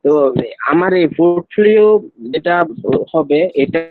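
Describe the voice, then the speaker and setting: A male student asking halting questions in a live online class, his audio choppy and cutting out over a weak internet connection. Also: sits high. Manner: hesitant, halting, with many fillers. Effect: choppy audio that keeps cutting out over a weak internet connection. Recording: dull lo-fi online call audio.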